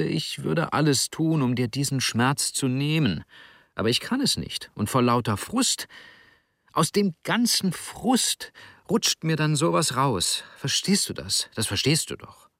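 A man reading the lines of a gruff, remorseful middle-aged man in an audiobook, blunt and pleading. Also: on the high side, expressive, measured pace, fairly bright tone, no room sound, studio quality, pitched above the performer's own voice, full character voice. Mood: apologetic.

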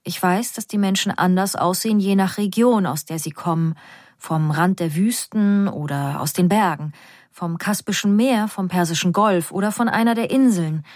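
A woman reading a novel aloud in the first person, lifting her pitch for the characters' quotes. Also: moderate pace, darkish tone, dry recording, studio quality. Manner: reads character quotes with slightly raised pitch. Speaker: audiobook narrator. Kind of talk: literary narration in first person.

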